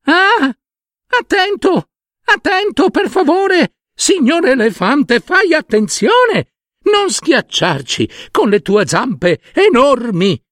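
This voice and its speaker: A man voicing a family of tiny, hard-working female ants in a fairy tale, squeaky and earnest. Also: sing-song, slow, a bit bright, dry recording, studio quality, full character voice. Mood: pleading.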